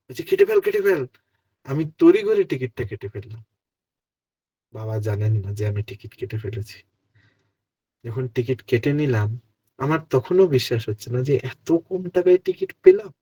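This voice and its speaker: A man's voice: mid-range voice, warm tone, slightly rough, no room sound, poor audio. A young man from Bangladesh giving an earnest personal testimony, telling his story and mixing in English words. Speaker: speaker at a devotional gathering.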